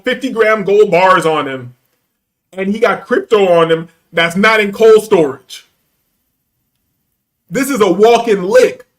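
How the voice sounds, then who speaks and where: A man with a high, slightly bright voice hosts a reaction stream, giving casual commentary bluntly in profane street slang.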